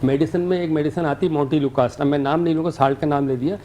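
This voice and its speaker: A Pakistani doctor on a morning show, explaining calmly. His voice is mellow and soft-edged, with faint room noise behind. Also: a little high, quick pace. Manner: calm, explanatory. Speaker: doctor guest. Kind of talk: medical advice on a TV show.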